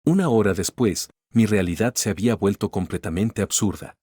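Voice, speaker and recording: A man narrating a scripted first-person story in a calm, even manner. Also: on the low side, moderate pace, no echo, clean studio sound.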